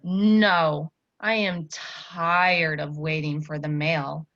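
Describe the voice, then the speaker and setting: A woman's voice: sits low, flat delivery, drawn-out words, fairly bright tone, no room sound, exaggerated voice. A woman reads as a grumpy, downhearted male toad from a children's storybook. He complains in plaintive, emphatic phrases. The sound is dry and a little dull. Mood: exasperated, stubborn.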